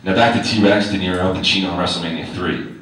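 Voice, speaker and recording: Low-pitched and fast-talking, with fairly even intonation and a bit of brightness, a male teacher reads his personal essay to people in the room. Wry, conversational and full of direct questions to them, it's captured from afar in a very reverberant hall with faint noise.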